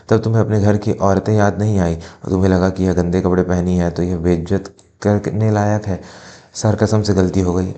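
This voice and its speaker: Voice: low voice, dark tone. A man playing a stern, authoritative police commissioner defending his mother in a family drama. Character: stern male police commissioner, protective son.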